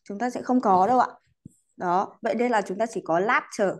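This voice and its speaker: Speaking briskly in a mid-range voice, a woman leads an online English lesson. She stays polite and patient, drops English words into what she explains, and attaches courteous particles to most of her sentences.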